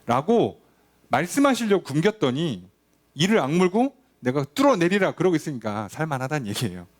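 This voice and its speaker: A man's voice: fairly high pitch, big pitch swings, fairly quick. A male pastor teaching a Bible study, talking conversationally with his congregation and acting out quoted voices. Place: church.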